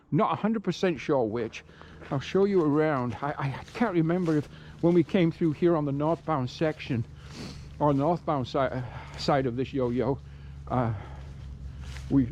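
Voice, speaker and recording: Fairly high-pitched with a darkish tone and the highs cut off, this man rambles casually to viewers as he hikes a rural trail and country road, frequently breaking off his own thoughts. The handheld camera picks up outdoor ambience and background noise.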